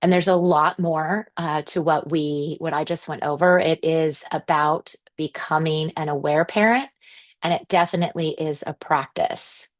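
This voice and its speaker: A woman giving a workshop presentation to parents, explaining things in a gentle, reassuring, measured way. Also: low-pitched, steady tone.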